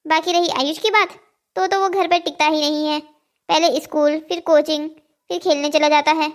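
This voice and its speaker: A woman's voice: high-pitched, fairly even intonation, normal speed, natural voice. A woman voicing a shrewd older mother-in-law in a Hindi cartoon story, soothing with a sly, teasing edge.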